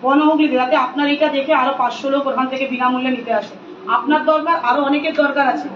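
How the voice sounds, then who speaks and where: High, fast scolding woman at a gathering. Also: fairly even intonation, reverberant, distant mic, muffled recording, a little hiss or hum. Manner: scolding, insistent, preachy. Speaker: spiritual volunteer handing out free remedies. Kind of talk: addressing a gathering, questioning attendees.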